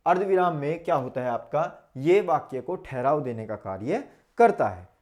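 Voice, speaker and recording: A man's voice: a little high, big pitch swings, normal speed, darkish tone. A man teaching a grammar lesson for exam preparation in a North Indian Hindi accent, repeating key terms and checking whether students have understood. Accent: Hindi-speaking North India. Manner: repeats key words, asks students if it is clear.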